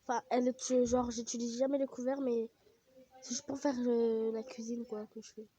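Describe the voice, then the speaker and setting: A young woman with a cold, coughing, chats casually and rambles with lots of fillers while playing a game as a gaming vlogger. Her voice is on the high side, husky and dark-toned, with a flat delivery at normal speed.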